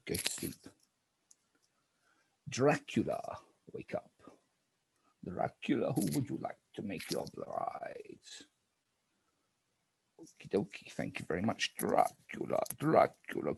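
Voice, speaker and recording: A man moderating a game as a spooky narrator, speaking deliberately in hushed, near-whispered calls. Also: lowish voice, huge pitch swings, gravelly, slightly rough, no room sound, poor audio.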